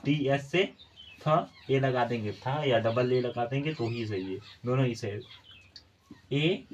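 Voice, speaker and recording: A man's voice: mid-range voice, measured pace, dull audio, slight background noise. A man teaching a spelling lesson, spelling out letters one by one and explaining patiently. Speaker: English teacher.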